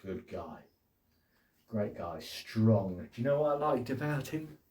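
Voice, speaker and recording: A man's voice: fairly low pitch, animated, a little slow, a little mellow, roomy sound, distant mic. A man hosting a casual solo podcast, rambling and joking, often laughing and acting out little quotes. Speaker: podcast host.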